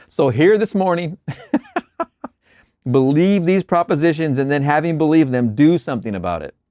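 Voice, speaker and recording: A man's voice: on the high side, no echo. Man reading spiritual lectures, dry sound. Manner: measured, deliberate reading broken by relaxed asides and chuckles. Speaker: host reading and explaining lectures. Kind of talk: reading aloud with casual commentary.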